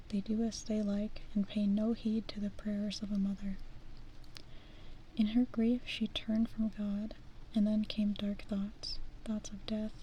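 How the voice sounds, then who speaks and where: An ASMR streamer from the American Midwest whispers softly into a close mic, reading slowly in a flat, even, mid-range tone, with gentle self-deprecating asides between passages. The recording is rough, with a faint hiss underneath.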